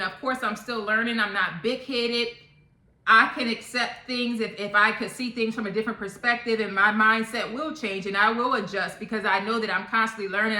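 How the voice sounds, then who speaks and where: In an echoey room, a woman in her thirties who runs a topic channel gives viewers a casual opinion monologue. Her voice sits on the high side and comes out pushed and bright. She's blunt and emphatic, often repeating points to drive them home.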